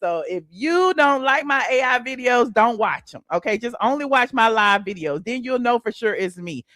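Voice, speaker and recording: A woman's voice: a little high, lively intonation, moderate pace, a bit bright, dry recording, studio quality. A woman with an Atlanta accent hosting a casual live stream, sassy and chatty, full of fillers and asides. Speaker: host.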